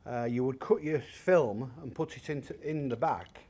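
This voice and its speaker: A man's voice: medium pitch, normal speed, dark tone. A man in his fifties who owns a secondhand shop, speaking in an interview and talking plainly through the prices of old items. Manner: chatty, plain-spoken, explains prices step by step. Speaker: warehouse shop owner. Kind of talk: interview and object demonstration. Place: large indoor secondhand furniture warehouse.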